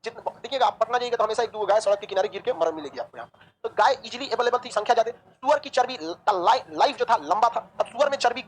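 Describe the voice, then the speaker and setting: A woman teaching a history class, lively and joking, asking the class questions and answering them herself. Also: on the high side, fast, low-quality recording. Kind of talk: online class lecture.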